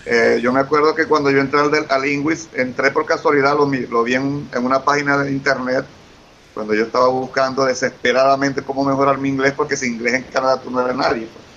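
A mid-range, slightly bright voice belongs to a Venezuelan man who talks at a quick pace with level tone. As an effusive, eager interview guest in casual conversation, he repeats himself a lot in his Venezuelan Spanish accent, captured on lo-fi audio with faint hiss.

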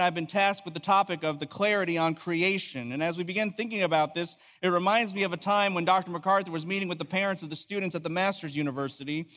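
A man giving a lecture-style sermon, talking quickly and posing rhetorical questions. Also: a bit bright. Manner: low, solemn prayer. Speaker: preacher. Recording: reverberant hall sound.

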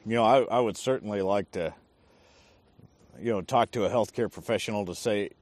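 Hesitant low-voiced army veteran man. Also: brisk, darkish tone. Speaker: army veteran, former drill sergeant. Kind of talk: casual conversation.

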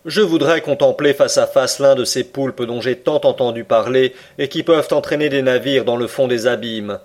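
A man's voice: medium pitch, normal speed, natural voice. A man voicing a serious, polite manservant who speaks earnestly and imperturbably, in an audiobook reading. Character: earnest, formal young male manservant.

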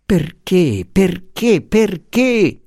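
A man's voice: sits high, sing-song, drawn-out words, darkish tone, no room sound, studio quality, voice pushed up, full character voice. A man voicing a timid, kindly male professor who pleads anxiously and repeats himself. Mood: agitated.

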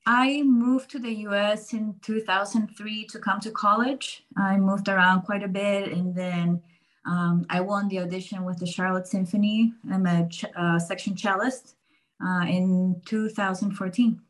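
A woman's voice: medium pitch, fairly even intonation, a little slow, low-quality recording. A woman from Peru, a cellist, introducing herself in a brief, matter-of-fact way over a video call.

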